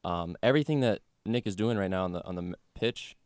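On a college sports podcast, this young male co-host talks fast in a deep, slightly mellow voice. He keeps things chatty and jokey, with plenty of "like" and "you know" as he discusses games. The audio is clean studio sound with no audible room.

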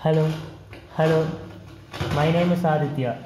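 A man testing a homemade carbon microphone, his voice played out through a loudspeaker with short repeated test words. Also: fairly high pitch, fairly even intonation, moderate pace. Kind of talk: mic test demonstration. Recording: noisy, echoey loudspeaker sound from off-mic.

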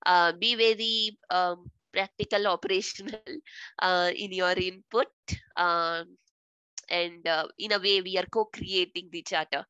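A woman's voice: on the low side, steady tone, measured pace, sharp tone, smooth, no room sound, highs cut off. A woman facilitating a video call, explaining a task with many filler sounds and hesitations. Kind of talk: giving instructions in a video call.

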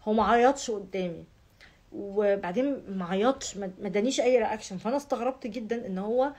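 A woman's voice: mid-range voice, quick pace, a little mellow. A woman with an Egyptian Arabic accent, chatting casually to her viewers and stressing points by repeating words over and over. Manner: emphatic, piles up repeated words. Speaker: astrology vlogger.

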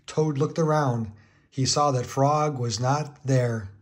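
A man reading a children's picture book aloud, with slow, clear storytelling narration. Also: medium pitch.

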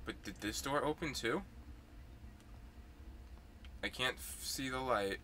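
A man's voice: medium pitch, slow pace, bright, forceful tone, a little hiss or hum. A man playing a horror game, chatting nervously and jokily and sometimes dropping to a whisper. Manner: nervous, jokey, drops to whispers. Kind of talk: casual let's play chatter.

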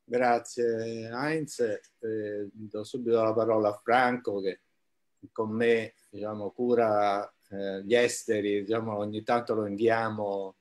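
A man's voice: lowish voice, flat delivery, slow pace. A man hosting an informal live interview, with hesitant, roundabout phrasing. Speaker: interview host.

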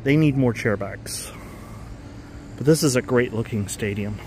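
A man's voice: mid-range voice, measured pace, background noise. Rambling enthusiastic man touring a stadium. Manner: rambling, enthusiastic, self-correcting. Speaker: stadium tour vlogger. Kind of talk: casual walking vlog narration. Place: outdoors in a large stadium.

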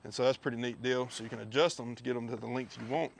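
Gravelly man, steady even delivery, casual outdoor gear walkthrough on a head camera, faint background noise. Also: mid-range voice, racing. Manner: relaxed, chatty, with many fillers. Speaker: fishing video host. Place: backyard outdoors. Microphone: head-mounted action camera.

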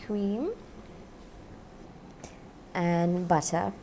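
A thirtysomething chef hosting a cooking show speaks extremely slowly in a lowish, steady, dark voice. She still chats upbeat to camera as she cooks, saying "you know" a lot, on a lapel mic in a home-style kitchen studio indoors with faint background noise.

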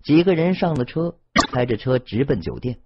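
一名男性有声小说演播者，用讲故事的方式朗读网络小说，录音音质发闷。. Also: male voice, mid-range voice, moderate pace, dull audio, background noise. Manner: steady, expressive storytelling. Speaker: audiobook narrator. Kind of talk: scripted audiobook narration.

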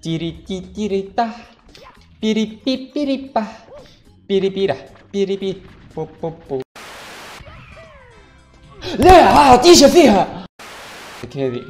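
A gaming streamer, animated and exclaiming, joking with the chat during live gameplay commentary. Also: medium pitch, moderate pace, long pauses, soft background music.

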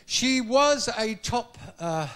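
A man's voice: very high-pitched, expressive, slow, clean tone. A man hosting a talk show, chatting and telling jokey stories. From England. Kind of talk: live studio talk show banter. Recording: lo-fi VHS tape with loud studio audience and band.

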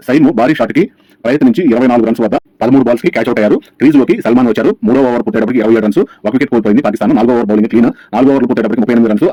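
A man's voice: medium pitch, dry recording. A man narrating a scripted cricket match recap as a channel host, rattling through scores over by over. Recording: dull, lo-fi sound.

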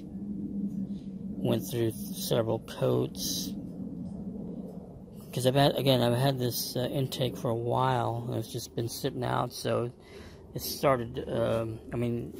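This is a man talking casually to his camera about his own engine build. His voice has a gravelly edge and stays flat in pitch. He explains step by step, pausing often and filling the gaps with small hesitations. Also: background noise. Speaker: home car mechanic.

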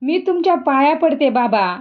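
A woman's voice: sits high, lively intonation, moderate pace. Woman reading as a tearful pleading daughter. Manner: crying, pleading. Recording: dull lo-fi recording.

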